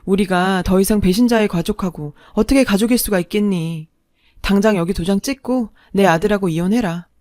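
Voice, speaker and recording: A woman voicing a harsh, domineering older mother-in-law who speaks slowly and coldly, in a storybook reading. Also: medium pitch, a little mellow, no room sound, clean studio sound, lightly acted. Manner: slow, cold and commanding.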